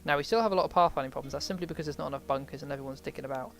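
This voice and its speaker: A man's voice: a little high, rapid-fire, faint music behind. Man rambling over a strategy game. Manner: rambling, thinks aloud while playing. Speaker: game streamer. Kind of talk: let's play commentary.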